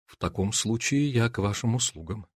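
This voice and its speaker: A man's voice: fairly low pitch, lively intonation, over loud music, voice pushed down, lightly acted. A man reading an audiobook and voicing a polite, composed fencing master who answers with deference. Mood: deferential. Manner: deferential, measured.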